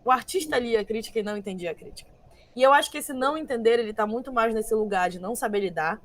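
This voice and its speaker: A young woman speaks as a panel guest, reflective and deliberate. Her voice sits somewhat high, and she often restarts her sentences while thinking aloud. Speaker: guest, text reviser. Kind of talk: panel discussion talk.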